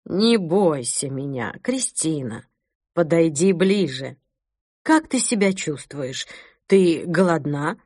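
A woman doing a quiet, insinuating old bishop. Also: deep voice, big pitch swings, slow, dry recording, clean studio sound, pitched below the performer's own voice, exaggerated voice. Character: soft-spoken sinister male bishop, older.

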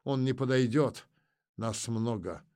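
A stern middle-aged woman leading a lost group, brisk and commanding, voiced by a male narrator. Her voice sits low and steady, and the sound is dry and close. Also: no echo, close to an everyday voice. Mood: firm.

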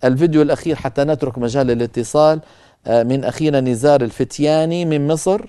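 A man hosting a call-in recitation lesson, patiently correcting a student and demonstrating sounds slowly. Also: mid-range voice, mellow, clean tone. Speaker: recitation teacher and show host. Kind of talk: teaching recitation on a call-in broadcast.

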